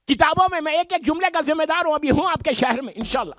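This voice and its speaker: High-voiced emphatic middle-aged preacher man. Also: animated, fairly bright tone. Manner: emphatic preaching with rhetorical questions. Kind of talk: majlis sermon.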